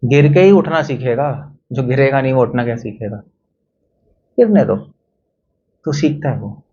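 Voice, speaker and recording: A man's voice: mid-range voice, animated, normal speed, mellow, slight background noise. Questioning man giving a temple talk. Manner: conversational, mixes English phrases, asks the audience questions. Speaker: temple speaker. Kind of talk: devotional talk to an audience. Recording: dull lo-fi recording.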